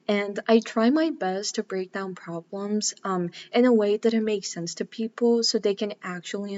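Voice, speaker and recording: A woman's voice: mid-range voice, a little mellow, highs cut off. A woman in her twenties, raised in Bulgaria, introducing herself as a math tutor in an earnest, casual way with frequent "um"s. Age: 20s. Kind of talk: casual self-introduction to camera.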